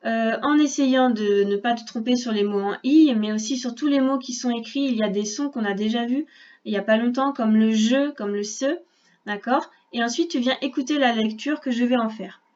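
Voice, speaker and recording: A woman teacher giving a recorded reading lesson to a young child, speaking slowly with careful articulation and addressing the child directly. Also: a little high, darkish tone, lo-fi sound. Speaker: primary school teacher.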